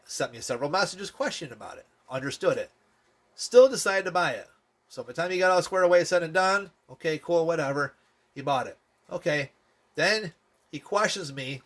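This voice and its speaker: A man in a casual vlog, ranting sarcastically and in exasperation about a buyer, talking fast with many asides. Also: on the high side, fairly bright tone. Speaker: radio seller vlogger.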